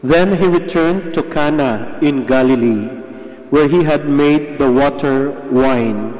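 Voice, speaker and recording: A man with a Filipino accent, a priest proclaiming the gospel slowly and deliberately, heard with cathedral echo. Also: medium pitch, a little mellow. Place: large basilica. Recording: long reverb of a large church.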